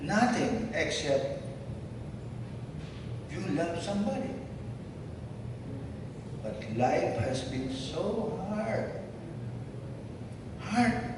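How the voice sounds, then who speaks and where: An older Filipino man in his seventies talks slowly and reflectively, offering fatherly advice to former students. His voice sits slightly high. He is heard from a distance in a large, echoing hall, with noticeable background noise and rumble. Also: lively intonation. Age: 70s. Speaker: former teacher at a class reunion. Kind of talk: heartfelt speech to former students. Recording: echoey hall from far off, noisy.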